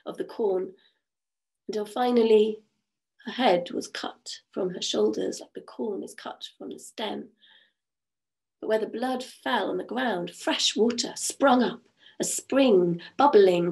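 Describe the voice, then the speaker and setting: Woman storyteller, croaky, gravelly fry, rhythmic repetitive folk telling, online event. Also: mid-range voice, darkish tone.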